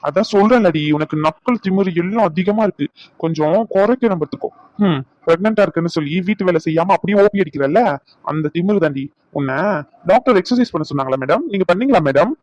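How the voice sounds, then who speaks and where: Cartoon role: performer as a scolding young husband, fast-talking, dry muffled audio. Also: medium pitch, expressive, a little mellow, no room sound, close to an everyday voice. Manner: scolding, teasing, argumentative. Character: young husband, grumbling and bossy.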